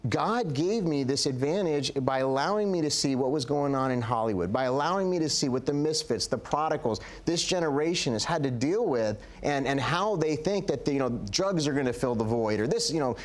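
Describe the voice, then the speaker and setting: A man's voice: a little high, expressive, fairly quick, few pauses. A man speaking as a guest preacher in a religious interview, explaining his points earnestly. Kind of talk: religious talk show interview.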